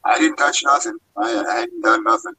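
A man speaking as a podcast guest in casual chat, his voice warbling and robotic as if spoken into a fan, halting and repeating his words. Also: medium pitch, fairly even intonation, sharp tone, breathy edge, recorded from a distance. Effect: warbling robotic distortion, like talking into a fan. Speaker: podcast guest, paranormal investigator.

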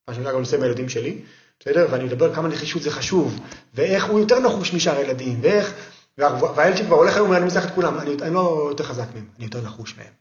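A man's voice: roomy sound, muffled recording. A man as a podcast guest giving parenting advice through vivid, emphatic anecdotes. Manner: animated storyteller, emphatic, lively pitch swings.

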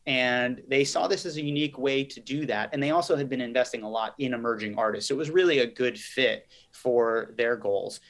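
Speaking briskly with few pauses, a man in a mid-range voice answers as a business guest on a podcast. He is a company chief executive, explaining and recounting in an articulate, conversational way.

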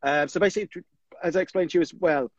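British guy hosting a chatty interview, talks really fast, dry close sound, bit muffled. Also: a little high, no echo. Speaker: interview host. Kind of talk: casual chat.

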